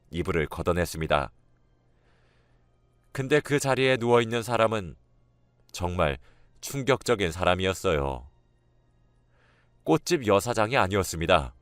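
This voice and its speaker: A man narrating a first-person spoken story in a steady, confessional way. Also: sits low, dry recording.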